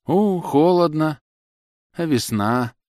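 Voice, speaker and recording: A man's voice: a little high, lively intonation, slow pace, a little mellow, no echo, clean studio sound, voice pushed up. A man voicing a tender, anxious working-class mother who speaks in a pleading, trembling way. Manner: pleading, tremulous.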